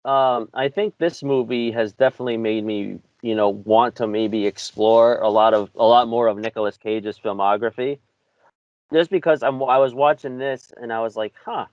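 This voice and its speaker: A man's voice: mid-range voice, steady tone, normal speed, no room sound. A man co-hosting a movie podcast, easygoing and full of "you know" and "like" fillers. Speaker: podcast co-host. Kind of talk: casual movie chat. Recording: dry, dull lo-fi mic.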